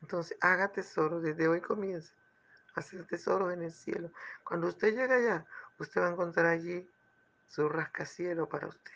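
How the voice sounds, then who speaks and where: A man preaching a sermon with fervent exclamations and hushed asides. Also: sits high, normal speed, vocal fry, highs cut off. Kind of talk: sermon with a retold parable.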